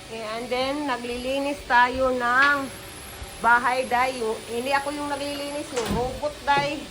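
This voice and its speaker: A woman's voice: fairly high pitch, background noise. A woman with a Visayan accent chatting casually to her viewers while doing chores at home, filmed on a handheld phone. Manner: chatty, talks to viewers as "day" and "mga inday". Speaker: vlogger. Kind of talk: casual home vlog chat. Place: home kitchen and porch, indoors.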